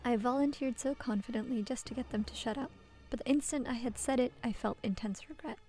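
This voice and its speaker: A woman doing a game playthrough, reading dialogue aloud and reacting in a playful, expressive way. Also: fairly high pitch, brisk, soft background music. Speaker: let's player.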